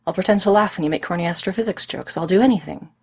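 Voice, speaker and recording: A woman's voice: lowish voice, quick pace, creaky, breathy edge. A woman voicing a brash, impatient young woman who jokes and pleads eagerly. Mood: impatient pleading. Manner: loud, eager, wheedling.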